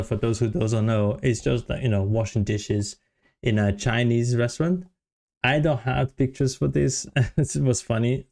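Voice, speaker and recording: This thirties-aged vlogger and software developer from Brazil has a fairly low, creaky voice with a darkish tone. Talking to camera in a Brazilian Portuguese accent, he recounts his story casually, stumbling through many fillers and restarts.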